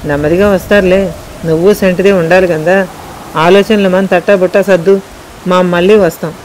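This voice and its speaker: A woman's voice: lowish voice, fairly even intonation, moderate pace, a little hiss or hum, close to an everyday voice, rough recording. A woman voicing an old male fishing village elder, urging people to leave in a hurry. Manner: urgent shouting.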